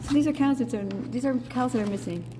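A middle-aged woman with a slightly high voice talks fast while filming a vlog on a handheld phone in indoor courthouse hallways. She's chatty and asks curious, teasing questions as she narrates the public building. A long hallway echo and a noisy background are audible.

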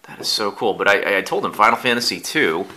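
A man chatting casually for an unboxing vlog, groggy and halting as if he just woke up. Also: on the low side, expressive, noisy background. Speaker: YouTube vlogger.

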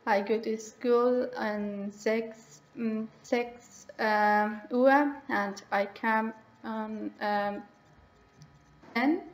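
A teenage girl from Afghanistan, speaking English haltingly and pausing often to search for words. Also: fairly high pitch, fairly even intonation, echoey room, rough recording. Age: teens. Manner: hesitant, searching for words, many pauses. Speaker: young migrant speaking about herself. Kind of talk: halting personal monologue in a second language.

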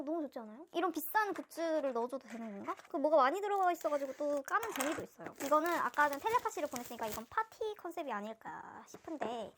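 Young woman, excitable, high voice, wildly lively pitch, casual unboxing chatter. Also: a little hiss or hum. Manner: excitable, gasping, gushing. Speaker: fan vlogger unboxing albums.

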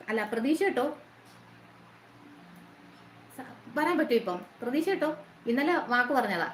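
A woman hosting a casual live stream, chatting and greeting her viewers by name one after another. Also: medium pitch. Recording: roomy echo, faint noise.

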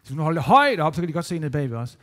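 A man telling Bible stories to children in a church, lively, animated and playful. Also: on the high side. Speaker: children's entertainer. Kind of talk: storytelling to children.

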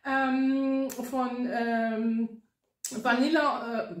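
A woman's voice: a little high, flat delivery, drawn-out words. A woman co-hosting a casual chat among friends, laughing often and stumbling over fillers. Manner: laughing, hesitant with many fillers. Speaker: co-host. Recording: echoey room.

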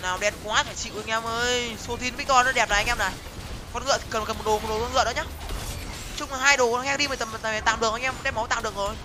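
A young man giving excited live commentary on his game, talking to viewers and repeating words in quick bursts. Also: extremely high pitch, background noise. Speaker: game streamer. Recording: music playing behind voice.

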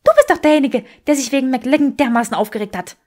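A shrill, furious young witch, put on by a woman reading a fan fiction audiobook, her voice jumping high above the narration. She snaps back sharp-tongued and quarrelsome, each line hurled loud. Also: big pitch swings, normal speed, exaggerated voice. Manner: high shrill angry snapping.

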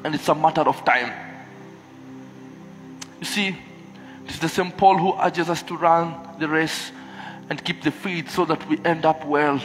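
East African preacher, high-pitched male voice. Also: flat delivery, a little slow, soft background music. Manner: exhortative, with rhetorical questions and repeated refrains. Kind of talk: church sermon. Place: church hall, speaking from a pulpit on stage.

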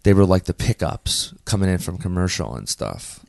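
Very low-voiced man telling stories. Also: normal speed, vocal fry, dry recording, studio quality. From United States. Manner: animated, many fillers and restarts. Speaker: guest, performer and host. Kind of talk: casual interview storytelling.

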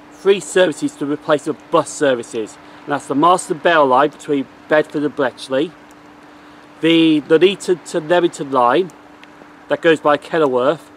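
A man chats casually to a camera in a fairly high voice. He is outdoors on a railway platform, with noticeable noise around him. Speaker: train vlogger and retail worker. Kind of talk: casual vlog talk to camera. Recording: noisy outdoor camera audio. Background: outdoor station noise.

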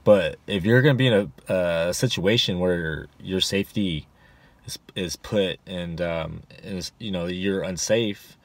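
With no echo on the recording, a low-voiced rideshare driver in his forties speaks unhurriedly to a dashboard camera inside his parked car. His casual advice meanders, packed with fillers and restarts.

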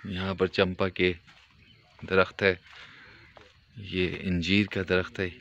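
A man gives calm, devout, descriptive commentary while walking a foggy rural track, filming on a handheld phone. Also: low-pitched, slow pace, gravelly, lo-fi sound.

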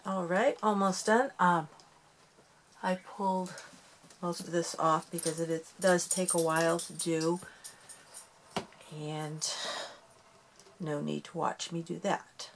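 A woman's voice: fairly low pitch, fairly even intonation, slow pace, pauses often, slight background noise. A woman hosting a casual craft tutorial, chatty and self-deprecating as she talks through each step while working with her hands.

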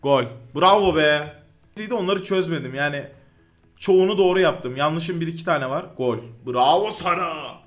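A man giving live commentary over his own football video game match, excitable and quick to yell in frustration at the game. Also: a little high, soft background music. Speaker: gaming YouTuber.

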